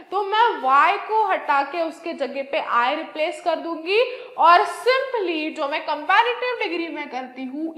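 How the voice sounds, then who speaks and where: A very high-pitched young Indian woman teaching grammar at an unhurried pace. She stretches out each example word and mixes Hindi with English. Her voice rings in an echoey room. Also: a bit bright. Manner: slow, drawn-out spelling and repetition of example words. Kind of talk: online exam-prep lesson.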